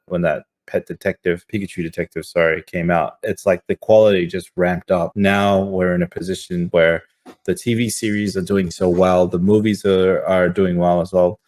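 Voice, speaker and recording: A man with a low, slightly mellow voice co-hosts a casual podcast, talking loosely through the discussion and frequently repeating phrases as he goes.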